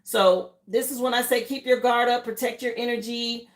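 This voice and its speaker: A woman's voice: on the high side, steady tone, normal speed, echoey room. A woman giving a live tarot reading, talking straight to her viewers with emphatic, repeated reassurances. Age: adult, mother of children. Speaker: tarot reader.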